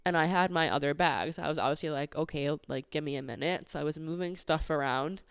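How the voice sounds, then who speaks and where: Woman, podcast host, casual storytelling, lots of "like", smooth clear voice, dry close sound. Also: low-pitched, brisk, no echo. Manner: chatty, many filler "like"s, exasperated retelling.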